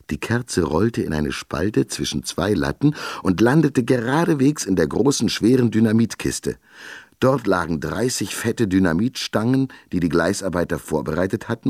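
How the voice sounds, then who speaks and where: A man narrating a children's story in an expressive, lively reading voice. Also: low-pitched, creaky, dry recording, studio quality.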